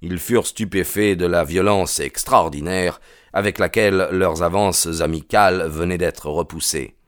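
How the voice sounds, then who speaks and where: A man narrates a novel in a measured, even way. His voice is very deep and low. The recording is dry and close, with no room sound. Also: no echo. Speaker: audiobook narrator. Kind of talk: scripted narration.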